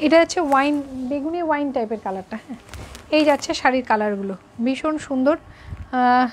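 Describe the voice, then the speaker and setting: High-voiced woman selling saris live. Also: fast talker, slight background noise. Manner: chatty, repeats prices, answers viewers directly. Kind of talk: live sales stream.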